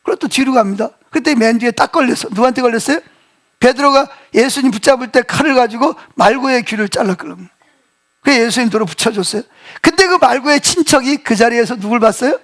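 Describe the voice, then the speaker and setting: A male pastor preaching a sermon, telling the story with lively acted-out quotes and questions to the congregation. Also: extremely high pitch, quick pace. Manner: animated storytelling, acting out quoted speech, asking the congregation questions. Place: church sanctuary.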